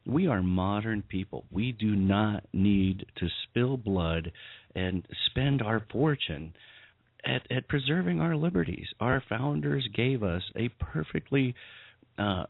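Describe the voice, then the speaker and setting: A male guest advocate on a radio show, speaking earnestly and in a measured way. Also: fairly low pitch, vocal fry, dry recording. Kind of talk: earnest call-in talk. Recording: dry tinny phone line.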